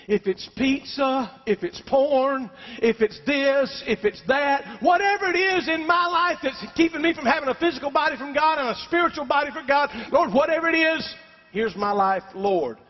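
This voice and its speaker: Man preaching, very high voice, emphatic, long church reverb, dull recording. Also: expressive, unhurried. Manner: emphatic preaching, calls for amens from the congregation. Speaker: pastor. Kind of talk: sermon. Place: church sanctuary.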